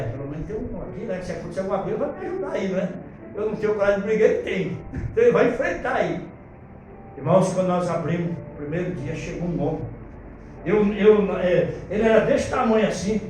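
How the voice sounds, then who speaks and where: A man, a pastor preaching an animated storytelling sermon to his congregation on a handheld microphone. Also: high-pitched. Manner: animated, addresses congregation as brothers. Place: church hall. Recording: echoey church room from far off, faint music.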